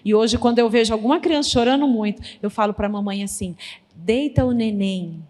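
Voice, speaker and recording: A woman pedagogue giving a lively talk at a church conference, speaking straight to the audience and acting out little conversations. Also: on the high side, fast talker. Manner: lively, addresses audience directly; acts out quoted conversations. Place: church hall. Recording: long reverb of a large hall.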